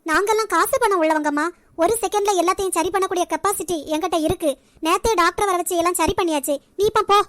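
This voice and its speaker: A woman voicing a haughty, sharp-tongued rich young woman in a cartoon, speaking with a Nagercoil Tamil accent in a scornful, bossy way. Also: extremely high pitch, fast talker, no room sound. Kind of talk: cartoon voice acting.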